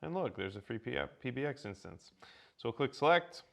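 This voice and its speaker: A man's voice: medium pitch, animated, a little fast, vocal fry, a bit bright. A man walking viewers through a tech setup on a casual livestream, rambling with many restarts and filler words. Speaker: guest presenter.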